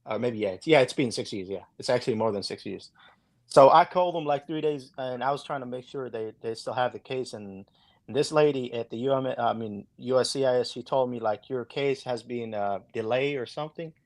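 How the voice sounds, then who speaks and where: A man's voice: medium pitch, fairly quick. A man with an Arabic accent speaks as a caller to a show. His delivery is casual and polite, with hesitant starts and repeated phrases as he explains himself. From Saudi Arabia. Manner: hesitant, repetitive, polite, addressing listener as brother. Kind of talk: casual conversational account.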